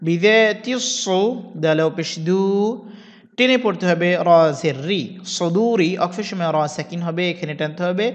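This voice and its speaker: Male recitation teacher, higher-pitched, patient and methodical, slow drawn-out verses, reverberant sound. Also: a bit bright. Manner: patient, spells out each syllable. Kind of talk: spelling-out recitation lesson. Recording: long reverb.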